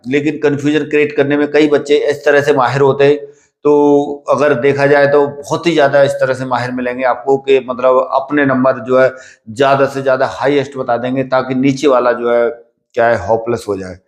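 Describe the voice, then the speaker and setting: In an echoey room, a physical training academy coach for police and army recruitment advises exam candidates informally, like a father to his students. His medium-pitched voice shows little pitch movement, and his speech is repetitive and halting, with filler phrases and check-questions.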